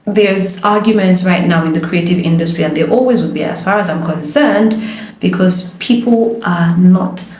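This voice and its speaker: A woman's voice: lowish voice, moderate pace, a little mellow. Passionate woman giving advice. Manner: passionate, emphatic, advising. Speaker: guest, lawyer and voice-over artist. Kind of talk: casual conversation. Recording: roomy echo.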